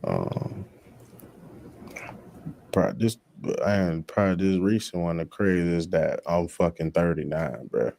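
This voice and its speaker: A man's voice: sits low, animated, slow, creaky, warm tone, no echo. A man in his twenties, a guest on a casual streamed chat, talking in a blunt, dismissive, profane way. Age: 20s.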